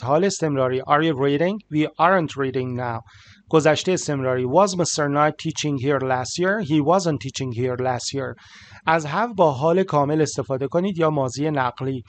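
A male English teacher who explains grammar rapidly, then reads example sentences slowly and carefully. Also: a little high.

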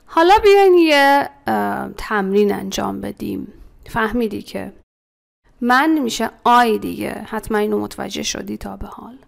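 A woman teaching an English lesson as a voice-over. She explains the textbook with animated energy, slows down to model short phrases and repeats them for her students. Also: medium pitch, creaky.

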